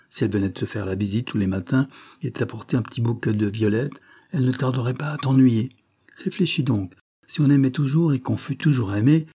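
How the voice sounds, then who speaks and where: Agent de police railleur et sentencieux, voix douce, un peu voilée, lu par un homme. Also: male voice, medium pitch, dark tone, slightly rough. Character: worldly ironic male police agent, blunt.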